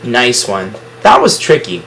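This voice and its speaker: A man's voice: mid-range voice, sing-song, unhurried, pushed and bright, a little hiss or hum, rough recording. A man teaching a phonics lesson to a class, explaining syllables at the whiteboard and praising students often.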